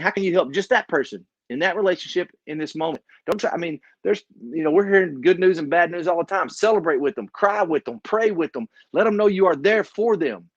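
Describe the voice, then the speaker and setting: A man's voice: fairly high pitch, dry recording. A man with a Texan accent, a business coach giving folksy, emphatic motivational talk on a video call. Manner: folksy, emphatic, repeats key phrases. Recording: dull, dry sound.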